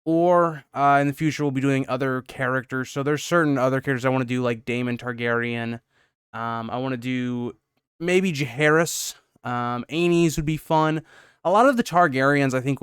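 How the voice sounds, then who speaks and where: Breathless young man, very clear voice. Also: medium pitch, no echo, studio quality. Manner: loose and rambling, full of "um" and "kind of" hedges. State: out of breath after a workout. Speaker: YouTube channel host. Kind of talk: casual channel update talk.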